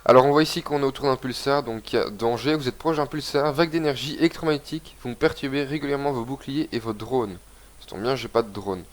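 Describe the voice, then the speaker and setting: Fast and mid-range in pitch, a young man with a cold and a stuffy, congested voice plays a video game. He hosts casual let's-play commentary, rambling along and reading the game's text aloud.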